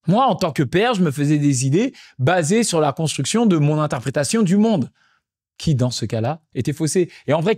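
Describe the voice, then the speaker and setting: A man's voice: a little high, a little mellow. A man hosting a podcast, telling stories of fatherhood in a reflective, casual way, repeating phrases for emphasis. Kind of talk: casual storytelling monologue.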